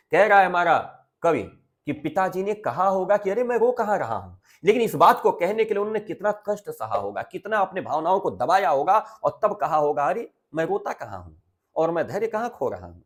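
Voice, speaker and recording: Man teaching a poem with lively questions. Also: high voice, moderate pace. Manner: expressive, rhetorical questions, repeats and glosses words. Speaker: Hindi teacher. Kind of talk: explaining a poem line by line to students.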